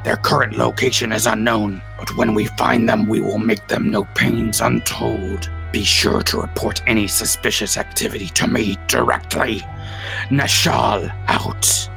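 A man's voice: fairly low pitch, fairly even intonation, unhurried, vocal fry, pushed and bright, faint music behind, heavily acted. A man voicing an undead skeletal captain who gives a stern official announcement over a ship's comms. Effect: ship-wide comms announcement. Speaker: game master.

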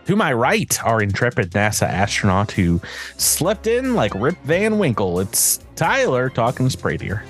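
A man runs a tabletop game, joking through the player introductions. His pitch swings up and down freely. Soft music plays quietly behind him. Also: huge pitch swings, measured pace. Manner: playful, jokey, laughs often. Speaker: game master. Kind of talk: casual actual-play chat and intros.

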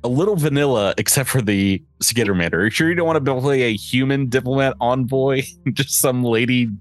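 A man running a tabletop game as game master, relaxed and joking as he guides the players. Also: medium pitch, brisk, dry recording, faint music behind. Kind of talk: casual tabletop game session.

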